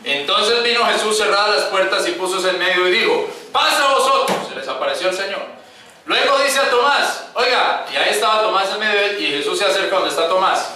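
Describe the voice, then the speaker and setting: This preacher's voice sits high and sharp, and he talks a little fast while calling his listeners brothers and performing the voices from the scripture. It's captured from a distance in an echoey church hall, with a bit of background noise.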